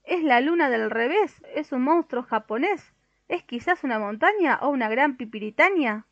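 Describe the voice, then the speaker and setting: Woman voicing a timid male firefighter, storybook, rhyming and fussy, fairly high, dry muffled recording. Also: lively intonation, moderate pace, no room sound. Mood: alarmed. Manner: rhyming, fussy and easily scared. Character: flustered, timid male firefighter who talks in rhymes.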